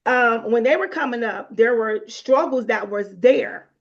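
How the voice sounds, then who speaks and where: A middle-aged woman hosting a casual discussion, her voice sitting a little high for a woman. She talks freely and keeps filling the gaps with "you know". The recording sounds dull and muffled. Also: measured pace. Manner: conversational, leans on "you know". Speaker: host.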